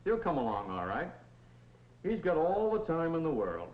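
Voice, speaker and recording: A man's voice: a little high, huge pitch swings, moderate pace. An actor playing an easygoing, dismissive suburban father in a vintage educational film, with a reassuring, offhand manner. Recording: muffled, noisy vintage film soundtrack.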